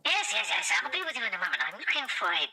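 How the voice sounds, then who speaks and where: A man, the game master, voicing a small fussy male otter with a high squeaky chipmunk voice, muttering frantically. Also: big pitch swings, rapid-fire, sharp tone, slight background noise, full character voice. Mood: frantic. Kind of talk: voicing a tabletop game character.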